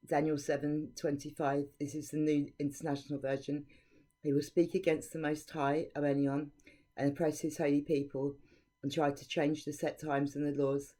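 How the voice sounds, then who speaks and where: Over poor audio, a woman reads scripture aloud in an informal devotional teaching. She's earnest and preachy, offering frank opinions in a low voice with a dark tone.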